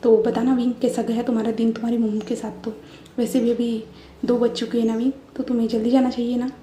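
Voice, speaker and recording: Brisk young woman as read by a woman, quizzing tone, slightly high, echoey room. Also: little pitch movement, mellow, a little hiss or hum, natural voice. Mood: teasing. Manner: quizzing, teasing.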